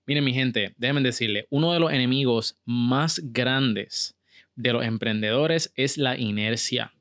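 A man hosting a business podcast, talking straight to his listeners in an energetic, motivational way. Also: medium pitch, measured pace, slight background noise. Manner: motivational, direct address to listeners. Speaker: podcast host.

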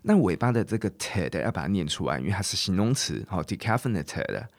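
A man hosting a podcast English lesson, chatty and casual, drilling words slowly and often asking "OK?". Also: low-pitched, very animated, no echo, clean studio sound. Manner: casual, chatty teaching in Mandarin mixed with English. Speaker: English teacher and podcast host.

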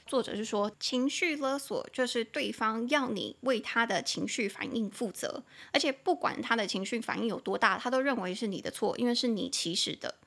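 A woman with a Taiwanese Mandarin accent hosting a bilingual English lesson podcast, chatty and opinionated, spelling words out slowly letter by letter. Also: a little high, a bit bright, breathy edge. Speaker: English teacher and podcast host.

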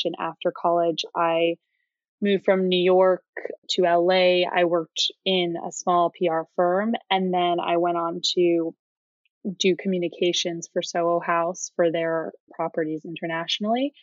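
An American woman co-founder speaks casually in an interview, leaning on fillers. Her voice is somewhat low and stays flat in pitch. The audio is dull and dry. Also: no room sound. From United States. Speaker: company co-founder. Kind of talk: interview answers.

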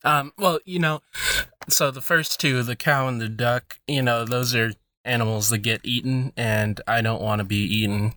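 A man's voice: mid-range voice, fairly even intonation, normal speed, pushed and bright, dry recording. A man chatting as a podcast guest from a laundry room, joking and rambling. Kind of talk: casual chat. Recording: noisy laundry room recording.

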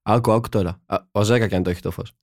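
A young man co-hosting a casual podcast chat, joking and animated, full of slang. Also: fairly low pitch, no echo, studio quality. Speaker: podcast co-host.

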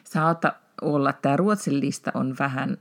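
A low-pitched woman hosting a relaxed podcast chat. She talks freely, laughs often and restarts her sentences as she goes. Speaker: podcast host.

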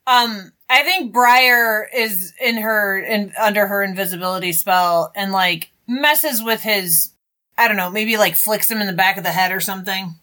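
A woman's voice: medium pitch, moderate pace, pushed and bright. A woman playing a tabletop role-play game, talking casually and a bit hesitantly. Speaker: player.

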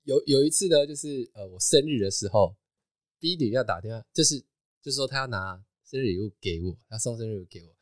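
A man, hosting a podcast and telling a story in a casual, animated chat, laughing often. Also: medium pitch, quick pace, no echo, clean studio sound. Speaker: podcast host.

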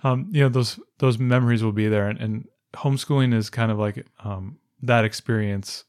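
A man's voice: mid-range voice, fairly even intonation, moderate pace, darkish tone. A man co-hosting a podcast in casual chat, talking in a rambling way with many restarts and fillers. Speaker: podcast co-host.

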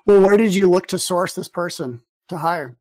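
A man's voice: sits high, normal speed, a little mellow. A man hosting a podcast, talking casually with plenty of fillers and restarts. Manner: chatty, lots of fillers and restarts. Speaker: podcast host. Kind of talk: casual interview.

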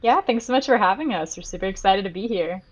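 A woman's voice: medium pitch, expressive, fast talker. A woman speaking as a podcast guest from a tech team, chatting casually. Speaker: podcast guest, tech company education specialist. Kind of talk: casual chat.

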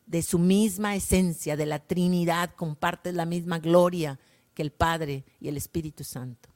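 A woman gives a slow, prayerful gospel reflection as a worship leader, often softening to a hush at the ends of lines. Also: fairly low pitch, steady tone.

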